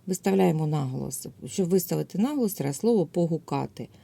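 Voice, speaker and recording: Low, mellow-voiced woman teacher. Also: animated. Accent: Ukrainian. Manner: slow, clear dictation with drawn-out words. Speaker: primary school teacher. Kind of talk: online video lesson.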